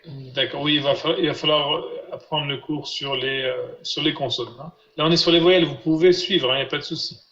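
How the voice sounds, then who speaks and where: A man teaching a live online class, patiently repeating syllables slowly for his students over a video call. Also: on the high side, fairly even intonation, a bit bright. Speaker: Biblical Hebrew teacher. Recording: roomy, dull lo-fi sound.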